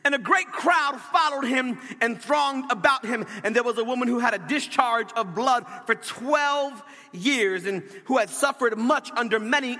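A male pastor preaching in a church sanctuary, his very high, bright voice ringing through the long reverb of a large hall. He reads scripture aloud and leans hard on key words, stretching them out for emphasis. He calls on the congregation to repeat his lines back. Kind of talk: sermon with scripture reading.

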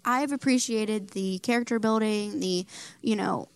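A woman's voice: medium pitch, unhurried, vocal fry, dry recording. Chatty young woman, dry close mic. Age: young adult. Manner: chatty, filler-heavy, laughs easily. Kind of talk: casual chat.

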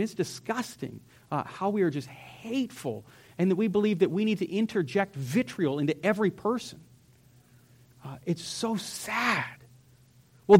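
Guy preaching in church, pretty high voice, earnest and swings up and down to make his point. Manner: earnest, rising and falling for emphasis. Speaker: pastor. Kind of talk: sermon. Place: church sanctuary.

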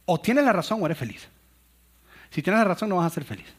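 A middle-aged man with a fairly high voice preaches to his congregation. He tells lively stories and acts out little quotes between his points. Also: brisk, breathy edge. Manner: storytelling with acted-out quotes and laughs. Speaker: pastor. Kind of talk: sermon.

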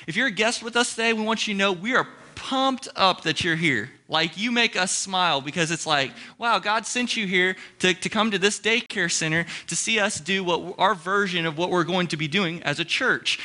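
High-voiced energetic young pastor. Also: male voice. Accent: Ohio, Midwestern US. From Ohio. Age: young adult. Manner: animated, joking, talks to the crowd. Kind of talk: energetic sermon.

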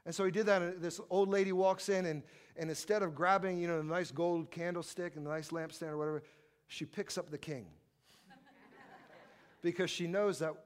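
A man with a high-pitched voice delivers a sermon, talking casually with fillers and small laughs. He swells from soft, low passages into loud, emphatic preaching. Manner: conversational, with fillers and chuckles. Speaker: pastor.

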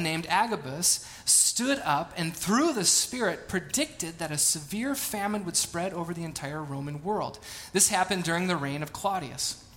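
In a church sanctuary, a pastor in his late thirties reads scripture and prays, then moves into casual, self-deprecating stories during his sermon. His voice runs on the high side, pushed and bright.

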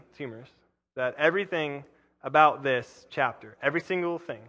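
A man preaching a casual sermon in a church, rambling with fillers and restarts, then bursting into loud emphatic paraphrase. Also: mid-range voice, big-room sound. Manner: rambling, self-interrupting, with frequent fillers and restarts.

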